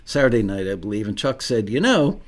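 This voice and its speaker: A man's voice: on the low side, sing-song, brisk. A middle-aged American man casually hosting a live online show, unscripted and chatty, rambling into asides.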